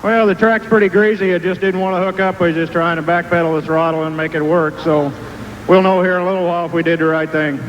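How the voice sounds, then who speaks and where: A man's voice: high voice, little pitch movement, fast. A man, a competing driver, giving a matter-of-fact, folksy trackside interview. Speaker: tractor puller. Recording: dull, reverberant arena with faint noise.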